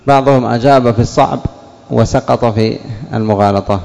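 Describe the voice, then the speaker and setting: Man teaching a grammar class, asks and answers himself, mellow tone, long hall echo. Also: mid-range voice, gravelly. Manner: asks questions then answers them, drawing out example words slowly. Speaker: sheikh teaching Arabic morphology. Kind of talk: classroom lesson explaining word roots.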